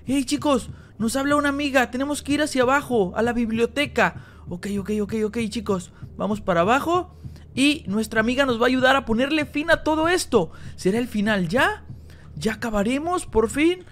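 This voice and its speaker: A man's voice: very high voice, normal speed, a bit bright, a little hiss or hum. A man commenting on a horror game he plays, reading its lines aloud in translation, talking to his viewers and yelping and repeating words when he is scared. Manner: addresses viewers as "chicos". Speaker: gaming YouTuber. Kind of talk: Let's Play commentary translating game dialogue.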